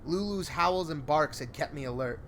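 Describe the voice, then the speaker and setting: Over prominent background music, a man with a somewhat high, slightly bright voice reads a scripted first-person horror story at normal speed. His delivery is suspenseful and theatrical, and there's a little hiss or hum in the recording.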